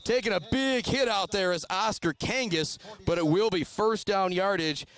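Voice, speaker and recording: A man from Michigan doing radio play-by-play of a high school football game, building to shouts on big plays. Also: moderate pace. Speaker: play-by-play announcer. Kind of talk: radio sports commentary.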